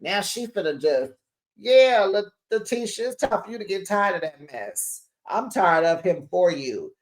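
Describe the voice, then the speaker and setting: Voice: medium pitch, very animated, a little slow. A host, giving a sassy, slangy, casual reality-TV recap straight to viewers.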